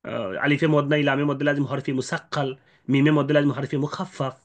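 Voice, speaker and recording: A man's voice: a little high, flat delivery, brisk. A man teaching Quran recitation rules, explaining step by step with many fillers and repeated points.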